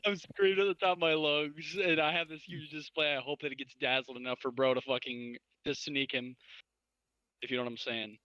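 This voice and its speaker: A young man playing a tabletop game, excitable and swearing a lot, often shouting his lines. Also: on the high side, a little fast, smooth, dry recording, muffled recording. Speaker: player.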